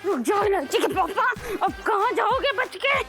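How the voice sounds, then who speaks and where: An actress playing an excitable, bossy wife who coaxes and shouts orders in a comedy TV serial. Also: female voice, normal speed, music in the background. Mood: frantic. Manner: shrill, coaxing, then shouting orders. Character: bossy, excitable wife chasing her husband.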